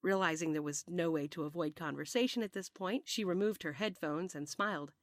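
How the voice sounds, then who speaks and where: A woman narrating a short story in a gentle, measured way. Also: lowish voice, no room sound, studio quality.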